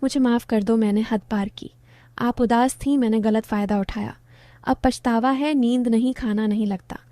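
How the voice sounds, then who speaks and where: A moody young man from a spoken story who answers in short, sulking lines, as a woman reads him. The voice sits a little high and mellow, and the sound is close and dry with no room around it. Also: fairly even intonation, moderate pace, no echo, natural voice. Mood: remorseful.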